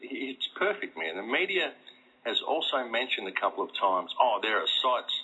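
On muffled, lo-fi internet radio, a talk show guest delivers an animated conversational monologue, pressing his points emphatically and insistently. He is a middle-aged South Australian man whose mid-range voice sounds very animated, sharp and breathy, at a moderate pace.

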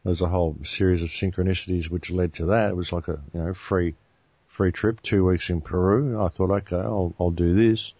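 A deep-voiced Australian man talks as a guest, rambling easily through his story with restarts along the way. The sound is dry and a bit muffled, with no room around it. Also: steady tone, a little fast, dark tone, slightly rough, dry recording. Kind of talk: casual interview talk.

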